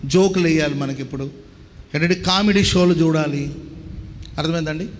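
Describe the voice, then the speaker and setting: Male pastor, high voice, fervent call-and-response sermon, reverberant church hall. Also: normal speed. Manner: fervent preaching, rhetorical questions, call-and-response.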